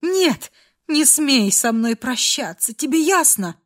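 A woman's voice: high-pitched, very animated, takes it slowly, a bit bright, voice pushed up, full character voice. A woman voicing a desperate, fierce young heroine who pleads and cries out. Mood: desperate pleading. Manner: pleading, crying out.

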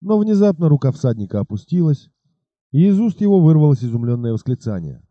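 A man reading an adventure novel aloud as a narrator, dramatic and lively. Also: a little high, fairly quick, dry recording, dull audio. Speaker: audiobook narrator. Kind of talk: expressive scripted narration.

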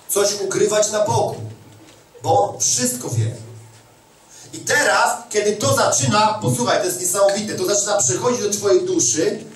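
Man, high voice, pastor, emphatic sermon, repeats words, echoey hall, distant mic. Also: slight background noise.

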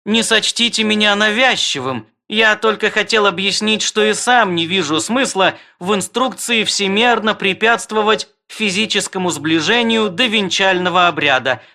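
Storybook robot, male, creaky metallic bark, high and piercing, long-winded and apologetic, put on by the male narrator. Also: normal speed, few pauses, pushed and bright. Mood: fussy. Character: grating metallic wedding robot, fussy and officious, male. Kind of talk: audiobook character voice.

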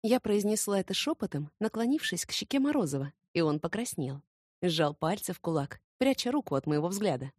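A woman narrating an audiobook in first person, expressive and ironic. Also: on the low side, brisk, husky, no echo, clean studio sound.

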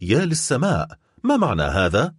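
A man's voice: medium pitch, huge pitch swings, moderate pace, breathy edge, no room sound, clean studio sound. A man voicing a frightened young wife who cries out and pleads, in an audiobook reading. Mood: startled. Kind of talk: audiobook character voice.

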